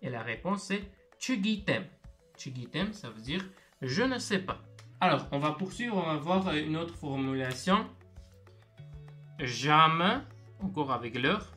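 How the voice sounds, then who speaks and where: A man teaches a language lesson at a deliberate, slow pace. He patiently repeats each word for learners, and faint music plays underneath. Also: on the high side, lively intonation, bright, forceful tone. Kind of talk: video lesson, explaining step by step.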